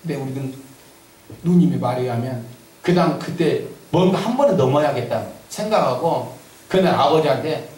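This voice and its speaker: Preaching in a church sanctuary, a male pastor gives an emphatic testimony sermon, sharing his story as the congregation calls out amens. His voice is medium-pitched, expressive, slightly mellow, at normal speed, and it's recorded from a distance with echoey church acoustics.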